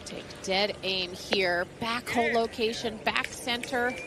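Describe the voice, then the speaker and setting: A woman's voice: fairly high pitch, a little slow, noisy background. A woman working as a golf commentator, adding short, punchy analysis to live tournament coverage.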